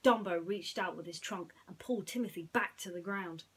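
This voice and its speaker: A woman storyteller with a lowish, slightly rough voice briskly narrates a bedtime story to listeners and shares its simple message in a gentle reflection.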